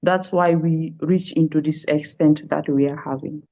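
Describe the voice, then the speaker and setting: A woman's voice: sits low, fairly even intonation, normal speed, mellow. A woman from South Sudan answering interview questions on a webinar, hesitant and searching for words. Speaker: pastoral care and trauma healing worker. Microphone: video call. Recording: dull lo-fi call audio.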